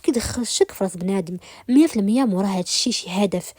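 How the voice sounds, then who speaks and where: A woman with a Moroccan accent narrating a story in an even, storytelling manner. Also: medium pitch, racing, breathy edge, no room sound, clean studio sound. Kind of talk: read-aloud story narration.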